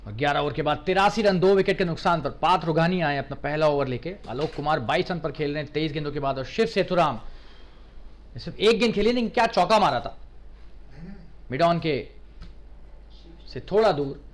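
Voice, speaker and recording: A man works as a live cricket commentator, with a fairly high-pitched voice. He reports scores and describes the play ball by ball. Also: a little fast.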